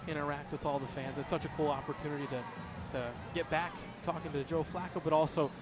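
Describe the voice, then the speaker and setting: A man doing color commentary at a celebrity softball game, talking with enthusiasm as he sizes up the players. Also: on the high side, steady tone. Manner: enthusiastic, quick talker. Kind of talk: live sports commentary. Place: outdoor ballpark. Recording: outdoor ballpark broadcast with crowd and noise.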